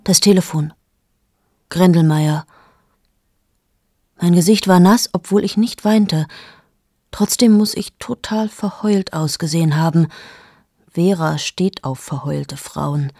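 An actress in her thirties narrates a radio play monologue as a restless female journalist, telling her story in an intimate, confessional way that often drops to a whisper. Her voice is fairly low and dark-toned, slow with frequent pauses and a brooding mood, recorded with clean studio sound and no room sound.

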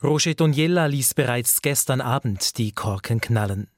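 A man with a medium-pitched voice delivers a scripted radio news report. His tone is matter-of-fact and brisk. The sound is close and dry. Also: expressive, no room sound.

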